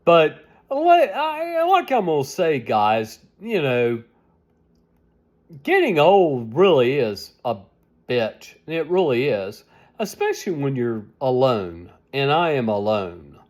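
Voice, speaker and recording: Slow, rambling seventy-year-old man. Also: medium pitch, very animated, a little mellow. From United States. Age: 70s. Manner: rambling, complaining, repeating himself. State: sleepy and tired. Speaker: vlogger. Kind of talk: casual vlog monologue.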